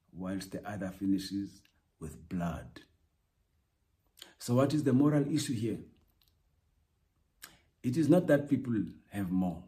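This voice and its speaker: A man hosting a podcast, delivering a reflective spoken essay in a measured, emphatic way with repeated rhetorical lines. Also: on the low side, dark tone. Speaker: podcast host.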